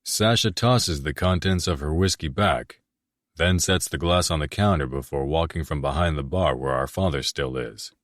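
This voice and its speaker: A man narrating a romance audiobook in the first person, in a steady, measured reading. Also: extremely low pitch, no room sound, studio quality.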